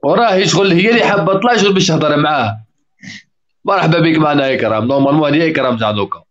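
A man hosts a casual live call-in stream, speaking fast as he coaches callers on using their mics. His voice sits on the high side, expressive and fairly bright. It comes through a video call, with dull, lo-fi online audio.

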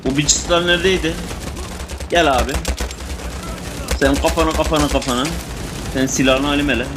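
Excitable young man over game gunfire. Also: a little high, a little fast, background noise. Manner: excitable, swears, talks to teammates and enemies. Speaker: gamer playing a shooter. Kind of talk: casual gameplay commentary. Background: gunfire and game sound effects.

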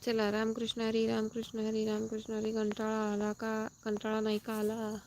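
A woman's voice: on the high side, completely flat delivery, normal speed, darkish tone, slight background noise. A woman hosting a casual live stream outdoors in a farm field, chatting with viewers and thanking them for comments as she heads home. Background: crickets and insects outdoors.

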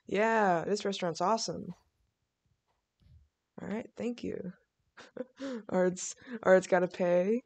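Woman gamer, chatty, filler-heavy, laughs a lot, mid-pitched voice. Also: slow pace, pauses often, darkish tone, no room sound. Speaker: gaming video host. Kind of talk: casual gameplay chat.

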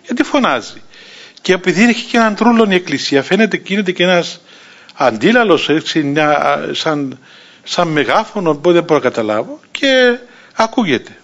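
Animated Cypriot bishop in his sixties. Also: sits high. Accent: Cypriot Greek. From Cyprus. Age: 60s. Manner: lively anecdotal telling, acting out quoted voices, chuckling. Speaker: Orthodox metropolitan bishop. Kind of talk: storytelling sermon. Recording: dull lo-fi recording.

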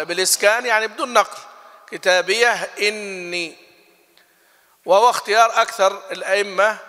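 A man teaching recitation rules, quizzing students and chanting example verses slowly. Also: sits high, pushed and bright. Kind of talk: classroom lesson on recitation rules. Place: mosque lesson hall. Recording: long reverb of a hall.

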